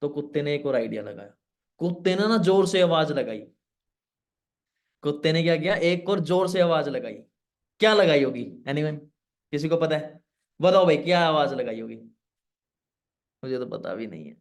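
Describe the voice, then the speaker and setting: A man from Pakistan who mentors young people, telling a fable in an energetic motivational session. He quizzes his listeners and mixes English into his speech. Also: fairly high pitch, normal speed, long pauses. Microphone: online session.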